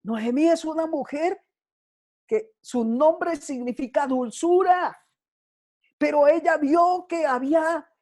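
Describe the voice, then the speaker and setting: A woman's voice: high-pitched, takes it slowly, darkish tone. A middle-aged woman preaching a sermon, often checking in with her listeners by asking "¿sí?" and "¿cierto?".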